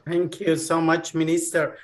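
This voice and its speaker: A man's voice: on the high side, little pitch movement, a little slow. Polite male moderator on a call. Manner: polite, brief handoffs. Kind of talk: moderating an online forum. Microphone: video call.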